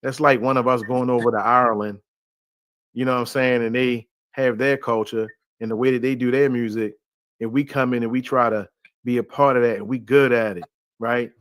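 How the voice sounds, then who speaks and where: A man holds forth in an easygoing, rambling way and keeps circling back with filler phrases. His voice sits at a middling pitch. It is recorded dry, with no room sound. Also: fairly even intonation, fairly quick, fairly bright tone, dry recording. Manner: loose, conversational, heavy on filler phrases. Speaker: podcast panelist. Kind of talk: casual opinionated discussion.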